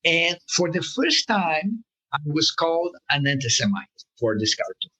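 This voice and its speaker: Man, Brazilian accent, hesitant and searching for words, bright tone, lively pitch. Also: slightly rough, poor audio. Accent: Brazilian Portuguese. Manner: halting, many fillers and restarts, searches for words. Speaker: political cartoonist, guest. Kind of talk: interview conversation.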